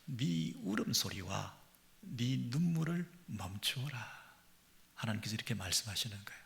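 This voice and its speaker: A man delivers a sermon from the pulpit of a church sanctuary. His voice has a gravelly edge with a bright, forceful tone. He drops to hushed near-whispers and then climbs to loud, pleading peaks. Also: lowish voice, big pitch swings, moderate pace. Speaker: pastor.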